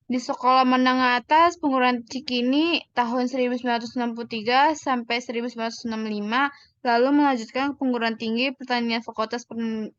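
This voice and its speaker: A woman's voice: a little high, no room sound, lo-fi sound. A young woman reading a prepared presentation aloud, stumbling and restarting words now and then. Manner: reads aloud with restarts and slips.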